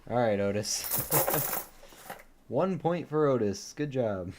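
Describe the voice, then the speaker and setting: A man hosting a live coin-hunting stream, quietly reading off dates and chatting easily between finds. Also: medium pitch, animated, takes it slowly, background noise. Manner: easygoing, laughs at his own dad jokes. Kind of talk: casual live-stream commentary.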